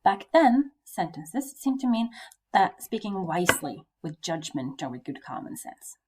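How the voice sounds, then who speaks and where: A woman's voice: mid-range voice, very animated, unhurried, heavy background noise. A woman teacher talking through a recorded lesson, explaining step by step with frequent fillers and questions to her students.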